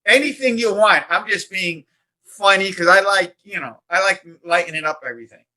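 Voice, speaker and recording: A man's voice: sits high, moderate pace, pushed and bright, poor audio. A man hosting a podcast interview, chatty and joking, often apologizing. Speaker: podcast host. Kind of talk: casual interview chat.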